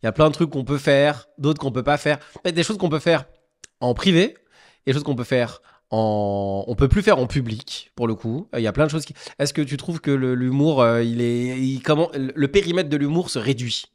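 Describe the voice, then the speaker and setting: A man's voice: mid-range voice, moderate pace, a little mellow. A man hosting a podcast who asks long, rambling questions and restarts them as he goes. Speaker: podcast host. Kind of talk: casual podcast interview.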